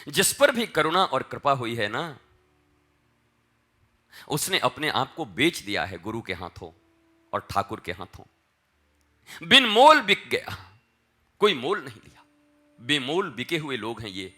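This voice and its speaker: Bright-voiced man telling a devotional tale. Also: medium pitch, big pitch swings, unhurried, pauses often. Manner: acts out dialogue in dialect, swings from hushed chant to loud calls. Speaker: spiritual teacher. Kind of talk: devotional storytelling sermon.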